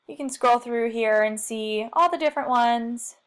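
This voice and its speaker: Leading a software tutorial through screen share, a female marketing trainer talks at normal speed with a fairly high pitch. Her manner is chatty and self-deprecating as she thinks aloud and clicks through.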